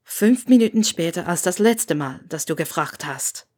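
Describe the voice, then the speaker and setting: A woman voicing a calm, athletic teenage schoolboy wizard with dry, low-key remarks, in an audiobook reading. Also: normal speed, husky.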